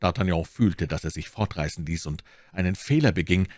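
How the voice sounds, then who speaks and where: Lively low-voiced male storyteller. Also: brisk, no echo, studio quality. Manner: expressive storytelling. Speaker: audiobook reader. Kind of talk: scripted narration of a classic novel.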